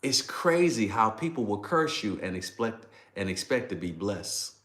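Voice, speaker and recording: Emotional low-voiced man preaching in an echoey room. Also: very animated, a little slow, fairly bright tone. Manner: emotional, repeats exclamations, acts out scripture dialogue. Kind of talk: devotional sermon. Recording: roomy echo.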